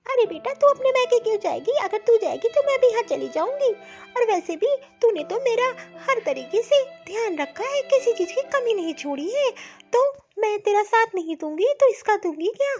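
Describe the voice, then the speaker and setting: A woman voicing a gentle, caring older mother-in-law in a cartoon story, talking softly and fondly. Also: very high-pitched, sing-song, moderate pace, faint music behind, heavily acted. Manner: soft, fond, soothing. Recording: dull lo-fi audio.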